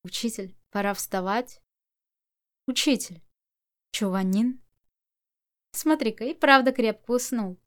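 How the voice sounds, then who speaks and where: A woman's voice: on the high side, takes it slowly, pauses often, fairly bright tone. A woman voicing a scheming, vengeful young male disciple with a gloating, mock-grand way of talking. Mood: teasing low.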